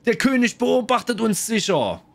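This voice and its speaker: Man doing a high, scolding vain falcon. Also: sing-song, moderate pace, creaky, exaggerated voice. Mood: hissing. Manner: hissing, scolding. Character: vain, prissy snitching falcon.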